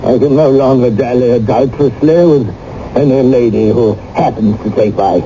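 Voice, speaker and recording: A man's voice: medium pitch, normal speed, warm tone, highs cut off, natural voice. An actor playing a lonely, imperious, aging English king in a radio drama, blustering and stammering with impatience. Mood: wistful, pleading. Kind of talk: old-time radio drama acting. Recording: noisy, band-limited old radio broadcast.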